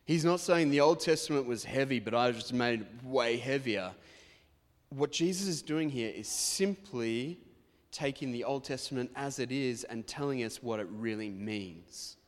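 A male pastor preaching a sermon in a conversational, self-deprecating way, with quick asides to the congregation. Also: mid-range voice, in a large hall. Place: church.

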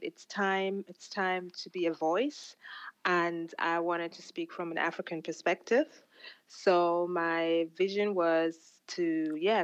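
A woman from Uganda answering interview questions in a casual, thoughtful way, with frequent ums and pauses over a remote call. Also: sits low, no echo, muffled recording. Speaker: podcast guest, fashion platform founder.

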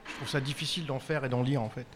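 A man guest on a live podcast panel, answering quietly, hesitantly and briefly. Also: mid-range voice, steady tone, racing, background noise. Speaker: guest comic author. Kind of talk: casual panel chat. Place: live stage before an audience.

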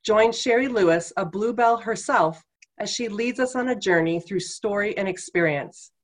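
Mid-pitched woman reading a scripted introduction. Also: normal speed. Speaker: podcast intro announcer. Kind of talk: scripted narration.

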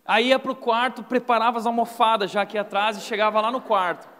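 A man with a Brazilian accent preaching a sermon, telling stories and acting out quotes in an animated way. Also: high voice, a little fast. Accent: Brazilian Portuguese. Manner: animated storytelling with acted-out quotes. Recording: long hall reverb.

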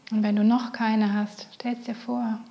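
A woman leading a guided meditation, speaking gently and often slipping into a whisper. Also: on the high side, little pitch movement, creaky, muffled recording. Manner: soft, slow, often whispered.

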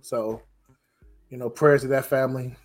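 A man hosting a casual podcast in a raspy, rough voice, hoarse from getting over a cold, talking informally with plenty of you-knows. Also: medium pitch, steady tone, normal speed, faint music behind. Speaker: podcast host.

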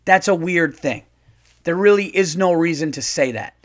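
A middle-aged man hosts a loose comedy podcast, reading listener letters aloud. He reacts bluntly and animatedly, laughing and swearing. His voice sits a bit high for a man. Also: animated, moderate pace. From United States. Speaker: podcast host.

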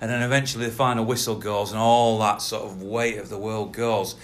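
A man's voice: lowish voice, steady tone, brisk. A man presenting a football podcast in a rambling, conversational way.

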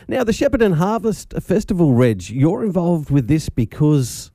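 A man's voice: on the high side, big pitch swings, normal speed, dark tone, no echo. A man with an Australian accent hosting a casual breakfast radio interview in a studio, chatty and joking. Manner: jokey, chatty banter. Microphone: studio microphone.

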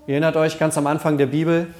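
A man's voice: on the high side, level tone, fast, darkish tone, faint music behind. A pastor preaching a sermon at a church service, earnest and conversational, often repeating his phrases.

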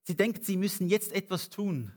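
A man's voice: high voice, expressive, moderate pace, a little mellow. Earnest male preacher, rising emphatic peaks. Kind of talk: sermon.

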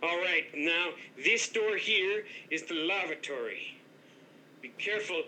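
Man doing a grandiose ghost innkeeper, bright and a bit high, talks down to mortals. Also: a little slow, slight background noise, full character voice, rough recording. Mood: haughty. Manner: haughty, grandiose, condescending. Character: pompous headless male ghost hotel master. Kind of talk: improv comedy scene.

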